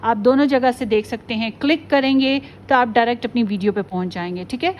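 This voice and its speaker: A woman's voice: on the high side, a little fast, darkish tone, a little hiss or hum. A woman tarot reader talking casually to her viewers, chatty and often slipping in English phrases. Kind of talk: casual pick-a-card tarot video.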